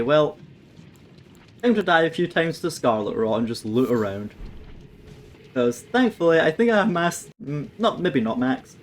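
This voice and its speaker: A man giving casual let's-play commentary, thinking aloud and swearing at the game with wry humour. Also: medium pitch. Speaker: gameplay commentator. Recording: faint background noise.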